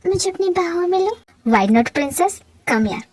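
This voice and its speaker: A woman voicing a gentle young husband who comforts his wife in soft, soothing tones in a fan-dubbed romantic audio drama. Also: very high-pitched, expressive, slow pace, no echo, full character voice. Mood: coaxing.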